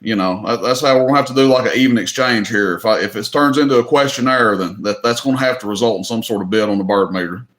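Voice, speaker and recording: The voice is lowish and a bit bright, moving fast with hardly any pauses in a reverberant space. It belongs to a middle-aged Southern man from Tennessee who hosts a live online auction, keeping the livestream chat casual, folksy and joking with a drawl and plenty of "y'all."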